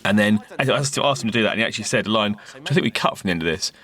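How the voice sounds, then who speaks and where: A man's voice: lowish voice, expressive, racing, a bit bright. An English man co-writing a sitcom, chatting casually through an audio commentary and telling anecdotes with a self-deprecating humour. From England. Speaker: co-writer giving audio commentary.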